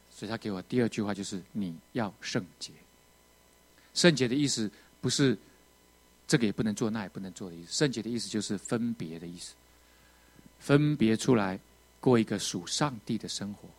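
A man preaching a testimony, telling his story with strong feeling, rising to loud outbursts and dropping to quiet moments. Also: on the low side. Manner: emotional, animated storytelling with sudden loud outbursts and quiet drops. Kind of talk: sermon testimony.

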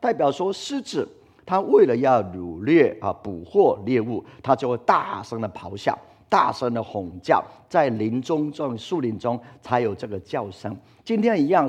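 A man preaching from the pulpit in a husky, slightly rough voice. He presses his points with rhetorical questions and answers them himself, swinging between loud emphasis and quiet asides. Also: medium pitch. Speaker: pastor. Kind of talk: sermon.

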